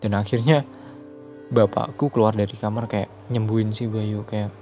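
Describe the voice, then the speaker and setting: A man's voice: fairly low pitch, steady tone, normal speed, dark tone, soft background music. A man telling a true horror story in casual chat, rambling and repeating himself, dropping his voice on the eerie parts.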